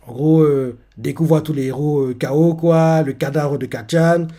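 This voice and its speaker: A man's voice: fairly high pitch, fairly even intonation, moderate pace, warm tone. A man hosting a reaction video who reads a comic chapter aloud and retells its scenes in a rambling way, full of fillers. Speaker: manga reaction host. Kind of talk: reading and commenting on a comic chapter.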